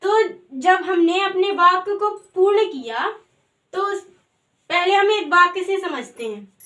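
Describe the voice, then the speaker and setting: A woman's voice: very high voice, measured pace, bright, forceful tone. A woman teaching a grammar lesson in a patient way, asking the class questions and answering them herself.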